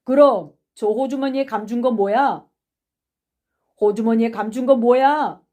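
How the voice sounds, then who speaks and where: A woman voicing a brash schoolboy ringleader who hurls loud, taunting accusations in an audiobook reading. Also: mid-range voice, a little slow, close to an everyday voice. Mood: accusing.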